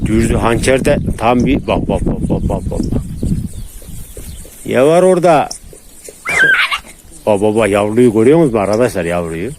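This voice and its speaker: A man talking casually to viewers about his dogs outdoors, now and then calling to them in high, loud bursts. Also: animated, normal speed, pauses often, noisy background. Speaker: dog breeder filming his dogs.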